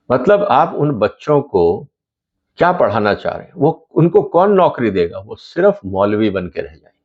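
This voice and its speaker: Rhetorical man with dull lo-fi sound. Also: medium pitch. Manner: rhetorical, questioning, addresses viewers as friends. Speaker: channel host, commentator. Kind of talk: explanatory commentary to camera.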